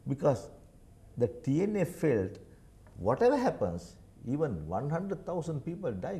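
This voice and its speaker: A man's voice: medium pitch, mellow. A man, a political commentator in a studio news interview, making his points insistently and checking agreement with "right?". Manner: emphatic, insistent, keeps asking "right?".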